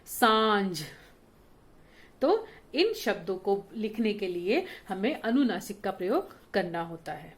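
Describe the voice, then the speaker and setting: A woman's voice: mid-range voice, darkish tone. A woman teacher giving a grammar lesson to children, speaking patiently, checking often that they follow, and drawing out example words to show their sound. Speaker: school teacher.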